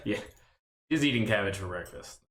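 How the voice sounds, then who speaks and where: Low-voiced man narrating his card game. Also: expressive, normal speed, a bit bright, echoey room. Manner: thinks aloud, rambling and self-mocking. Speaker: streamer playing a card game. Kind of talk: casual play-by-play commentary. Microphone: desk stream mic.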